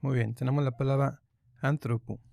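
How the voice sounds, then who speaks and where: A man teaching an online lesson, explaining grammar rules patiently and step by step, pausing often with fillers. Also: mid-range voice, fairly even intonation, gravelly, darkish tone, no echo, studio quality. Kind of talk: online lesson on Greek accents.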